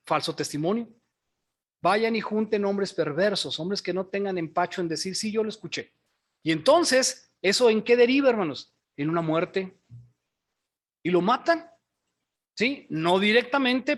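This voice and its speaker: A man with a high-pitched voice delivers a sermon as pastor. He tells the story with animation, stopping often to ask the congregation questions and address them directly.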